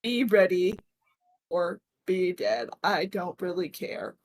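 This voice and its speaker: A woman voicing a dramatic, dismissive male demon lord's note, slow and curt. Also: lowish voice, gravelly, slight background noise, rough recording.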